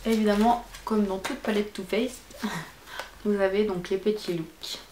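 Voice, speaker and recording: A woman's voice: medium pitch, fairly even intonation, a little slow, darkish tone, roomy sound, slight background noise. A woman beauty vlogger chatting casually through a makeup palette review, enthusiastic about each shade.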